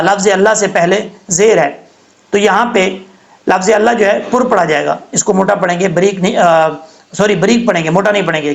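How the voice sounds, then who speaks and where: Man, high-pitched voice, patient tajweed teacher, careful letter-by-letter explanations. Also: vocal fry. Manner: patient, explains each letter slowly, then recites in a melodic chant. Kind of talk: step-by-step recitation lesson.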